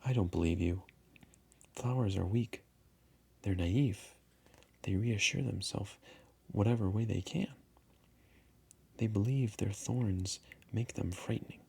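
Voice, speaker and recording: A man's voice: fairly low pitch, takes it slowly, creaky, long pauses, darkish tone, breathy edge, exaggerated voice. A man voicing a small, earnest and indignant boy prince in a storybook reading, with insistent questioning. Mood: bitter indignation.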